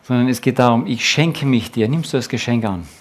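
A man's voice: medium pitch, brisk. A man preaching a sermon to fathers, speaking earnestly and emphatically, and closing with a prayer. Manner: earnest, emphatic, quoting God and Jesus in direct speech.

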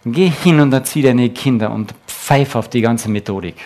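A man's voice: medium pitch, normal speed, darkish tone. A man preaching a sermon to fathers, speaking earnestly and emphatically, and closing with a prayer. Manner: earnest, emphatic, quoting God and Jesus in direct speech.

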